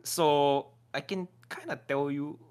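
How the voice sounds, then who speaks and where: Male streamer, a bit higher voice, encouraging casual co-host with loose grammar. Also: takes it slowly, a little mellow. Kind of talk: casual podcast chat.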